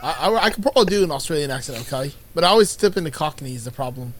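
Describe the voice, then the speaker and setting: A man co-hosting a casual watch-along chat, relaxed and easygoing, sometimes stammering. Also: a little high, racing. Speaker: podcast co-host.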